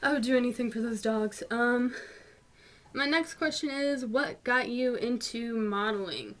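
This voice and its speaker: Here a North Georgia woman in her twenties, with a Southern mountain twang, answers viewer questions during a laid-back vlog chat. She talks a little slowly, her pitch on the high side, and her manner is rambling and chatty, sprinkled with ums and small laughs.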